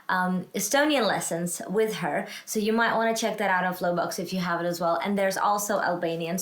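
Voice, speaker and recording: A woman teaching simple phrases, speaking slowly and repeating each one for the learner to copy. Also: medium pitch, a bit bright. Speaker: language teacher. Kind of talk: friendly language lesson. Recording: echoey room.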